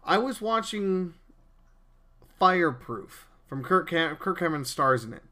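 A man's voice: fairly high pitch, sing-song, unhurried, pushed and bright. Earnest man preaching on a podcast. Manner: earnest, preachy, with frequent restarts and stammers. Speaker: podcast host.

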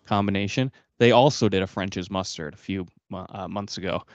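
A lowish male voice that wanders through long explanations, restarting and hunting for words in relaxed podcast talk. The recording is dry and a bit dull. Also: fairly quick, no echo. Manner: rambling, searching for words. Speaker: podcast co-host. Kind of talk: casual chat.

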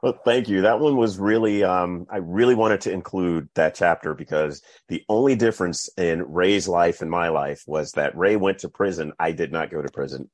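A very deep-voiced man from North Carolina, an author speaking in a casual interview. He sounds relaxed, laughs easily and doubles his words when he wants to stress a point. The sound is dry and close. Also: no echo.

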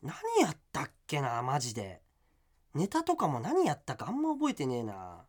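A male comedian co-host chatting casually, rough-edged and teasing, laughing often. His pitch swings widely as he talks, sitting at an ordinary height. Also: wildly swooping pitch, moderate pace. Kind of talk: casual chat.

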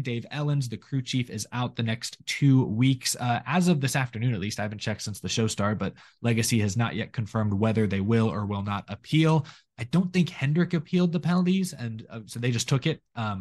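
A man hosting a motorsport podcast, running through news in a steady, chatty way with short asides. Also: medium pitch. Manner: steady newsy rundown with asides. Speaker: podcast host. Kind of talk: casual podcast chat.

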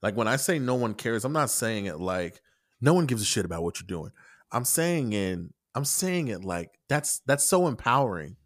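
On a casual podcast, a co-host rambles through an explanation of an article he wrote, restarting often and swearing casually. His medium-pitched voice has a sing-song quality at normal speed.

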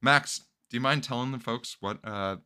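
A man's voice: medium pitch, normal speed, bright, forceful tone, smooth. A man hosting a casual podcast, upbeat and joking as he leads the talk and hands off to his co-hosts. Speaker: podcast host.

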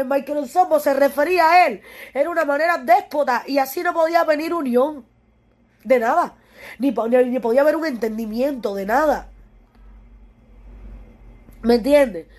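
A young woman with a high voice and a Cuban Spanish accent, a musician, pleads with a critic in an emotional monologue delivered straight to camera. Tearful and weary, she repeats herself passionately and curses as she speaks.

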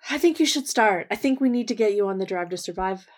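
A woman's voice: mid-range voice, animated, fast talker. A woman co-hosting a podcast in casual chat, talking in long runs with many fillers and frequent laughs. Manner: chatty, filler-heavy, laughs often. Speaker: podcast co-host.

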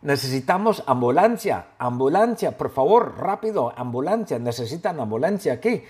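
A man's voice: medium pitch, very animated, moderate pace, a little mellow, lightly acted. A man voicing a male kangaroo police deputy calling urgently over a walkie-talkie, repeating radio codes.

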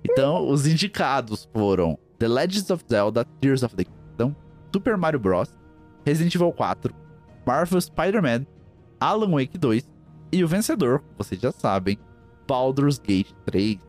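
A man's voice: medium pitch, sing-song, a little slow, darkish tone, soft background music. A man with a Brazilian accent chatting casually as a podcast host, slangy and emphatic, often repeating himself. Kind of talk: casual chat.

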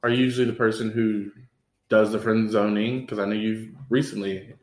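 A man hosting a casual podcast chat, relaxed and rambling with lots of fillers. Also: fairly low pitch, a little fast. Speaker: podcast host. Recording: roomy echo.

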